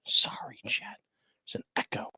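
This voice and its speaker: A man's voice: unhurried, sharp tone, dry recording, whispered. A man hosting a live stream in casual chat, his voice faint and distant because it comes through the wrong mic. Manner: loose, joking, talks straight to chat. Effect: faint, distant sound from the wrong mic. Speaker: livestream host and attorney. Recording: faint far-off voice on an external speaker.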